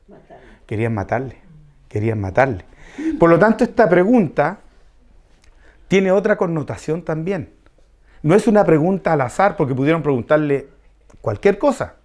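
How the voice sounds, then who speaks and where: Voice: mid-range voice, darkish tone. Alguien con acento chileno dando un estudio bíblico en la iglesia, pregunta y repite todo. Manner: repeats key phrases and asks the audience rhetorical questions. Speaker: Bible teacher at a church. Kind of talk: expository Bible study sermon.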